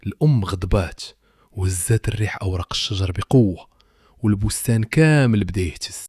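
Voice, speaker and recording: A man tells a dramatic story in scripted narration. His voice sits low and the recording is dry and close. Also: fairly quick, a little mellow, slightly rough, no echo.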